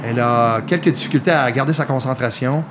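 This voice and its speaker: A man's voice: medium pitch, a little fast, background noise. A man with a Quebec French accent giving live golf commentary on a mini-golf match, explaining the play to viewers.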